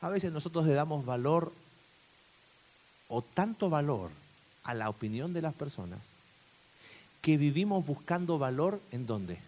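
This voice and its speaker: A man preaching a sermon, swinging from hushed to emphatic. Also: fairly high pitch, big pitch swings, a little slow, pauses often.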